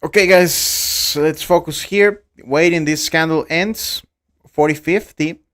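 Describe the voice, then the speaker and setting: A young Costa Rican man who speaks Spanish natively, hosting a live trading stream in halting English, with many repeated words and restarts. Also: fairly high pitch, fairly bright tone. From Costa Rica. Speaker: livestream trading host. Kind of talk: casual live-stream chat.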